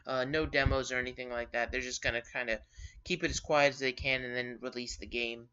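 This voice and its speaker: A man's voice: mid-range voice, fairly even intonation, a little fast, bright, forceful tone, clear, resonant tone. A man hosting a casual gaming news show, rambling with lots of fillers and self-corrections. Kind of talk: casual video-game news commentary. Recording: dull lo-fi sound.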